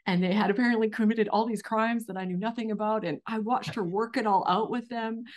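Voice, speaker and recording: A woman hosting a casual interview over a video call, expressive and quick to act out her own past thoughts. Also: fairly high pitch. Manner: expressive, laughs, acts out quoted thoughts. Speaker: interviewer host.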